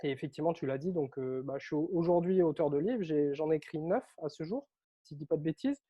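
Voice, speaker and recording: A French man appears as an interview guest, an author and coach telling stories in a casual interview. His voice is somewhat high but mellow, and he talks fast, lively and chatty, with frequent filler words. Raised on Réunion Island, he has no accent, and the recording's highs are cut off.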